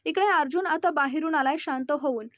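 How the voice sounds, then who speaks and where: A woman's voice: high voice, fairly quick, dry recording, highs cut off. A woman with a Marathi accent retelling a TV serial episode and addressing the viewers. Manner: retells scenes and reads character lines aloud. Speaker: TV serial recap host.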